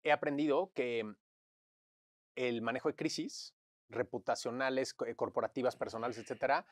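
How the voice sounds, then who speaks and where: Animated man telling stories. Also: medium pitch, moderate pace, dry recording, clean studio sound. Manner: animated storyteller, acts out quotes. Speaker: interview guest, crisis management consultant. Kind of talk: conversational interview.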